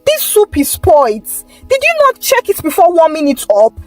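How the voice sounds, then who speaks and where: A woman doing a tired husband who has lost his patience. He scolds loudly and pushes his voice up high, with lively swings in pitch. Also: normal speed, no room sound, faint music behind. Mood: angry scolding. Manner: scolding, raised voice. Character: angry tired husband, adult man.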